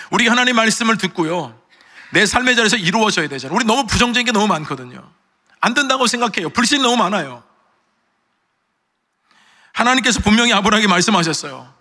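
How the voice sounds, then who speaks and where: A middle-aged man preaching a sermon as pastor, animated, acting out the voices he quotes. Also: high-pitched. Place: church sanctuary. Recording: long church reverb.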